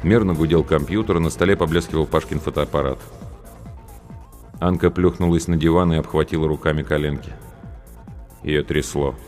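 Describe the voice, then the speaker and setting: A man narrating an audiobook in a steady, grim storytelling manner. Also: a bass voice, moderate pace, long pauses. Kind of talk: audiobook reading. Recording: reverberant room, faint music behind.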